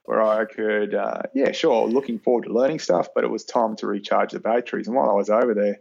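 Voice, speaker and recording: A man's voice: on the low side, quick pace, gravelly, darkish tone, breathy edge, highs cut off. A man in his forties with an Australian accent, a guest talking casually and emphatically in an interview. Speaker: podcast guest, reliability engineer with PhD.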